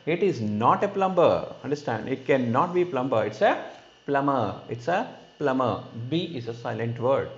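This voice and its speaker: A man with an Indian English accent teaching spoken English in a slow, repetitive classroom manner, mixing English and Hindi and often asking "understand?". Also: mid-range voice, very animated. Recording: echoey room, dull lo-fi sound.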